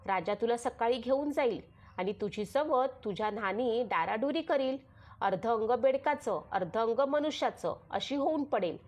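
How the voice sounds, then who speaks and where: Narrating a traditional devotional story, this Marathi-accented woman speaks at a moderate pace in a slightly higher-than-typical female voice. Quoted lines are woven into her steady, sing-song rhythm.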